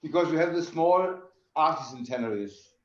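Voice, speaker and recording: Speaking at a normal speed in an animated, somewhat high voice, a middle-aged man from Denmark describes his job as a tannery's sustainability director during an interview. The sound is roomy, dull and lo-fi.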